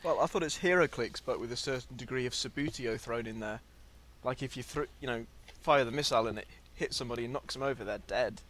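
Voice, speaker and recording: A man's voice: medium pitch, fast talker, fairly bright tone. A man co-hosting a podcast, chatting casually as an enthusiast. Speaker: podcast co-host.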